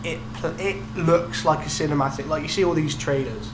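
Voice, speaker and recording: With a fairly high pitch and brisk delivery, this young podcast co-host chats casually about video games. Steady hum, background noise, and roomy echo fill the recording.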